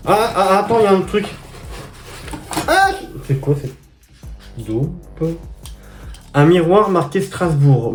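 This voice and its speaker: A man's voice: on the high side, a little mellow. Chatty man unboxing in an echoey room. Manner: chatty, slangy, exclaims at finds. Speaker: collector unboxing militaria. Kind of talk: casual unboxing commentary. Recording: echoey room, mic at a distance, noisy.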